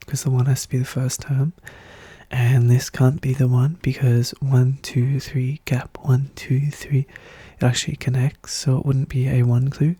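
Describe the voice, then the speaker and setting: A hushed, soft-spoken, breathy voice, often whispering, calmly and methodically thinking aloud in an ASMR puzzle walkthrough. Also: mid-range voice, no echo. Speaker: puzzle solver narrating own play.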